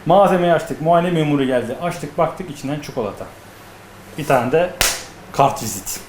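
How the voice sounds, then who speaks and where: A man's voice: on the high side, animated, normal speed, a little mellow. Man explaining in an echoey room. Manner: storytelling with acted-out dialogue. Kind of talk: casual explanatory talk. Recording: echoey room with faint noise.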